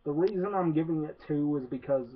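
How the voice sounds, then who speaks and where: Here the reviewer talks fairly quickly in a fairly high voice, tearing into a film with sarcasm, curses, and plenty of "uh"s as he rambles on. The audio is tinny and lo-fi, like a phone recording.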